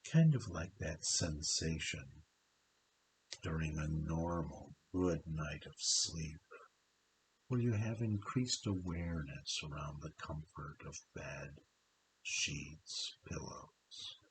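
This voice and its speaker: A man with a very deep voice talks slowly and softly through a guided relaxation, stretching each phrase and leaving long pauses. He slips now and then into a breathy half-whisper. A steady hiss sits under the whole recording. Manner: soft, slow, hypnotic delivery with long pauses and drawn-out phrases.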